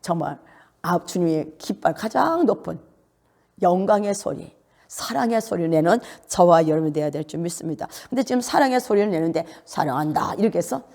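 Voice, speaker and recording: A middle-aged woman pastor preaching a sermon, often asking her listeners rhetorical questions and jumping up into high notes to make a point. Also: animated, a little fast, vocal fry, darkish tone. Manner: rhetorical questions to the congregation, sudden jumps to high pitch.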